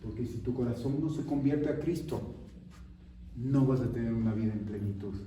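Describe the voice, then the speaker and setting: A male pastor with a warm, mid-range voice and steady tone preaches with fervor at a moderate pace in a large church sanctuary, often putting questions to the congregation. A far microphone captures the echoey hall with a little hiss or hum, and the congregation can be heard responding.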